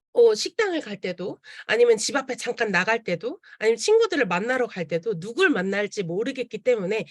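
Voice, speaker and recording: A young woman tells her own story at an online seminar, earnest and animated. Her voice sits fairly high and rises and falls a lot as she acts out what others said. The sound is dry and close, as over a video call. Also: dry recording. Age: young adult. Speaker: seminar speaker. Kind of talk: testimonial talk at an online seminar.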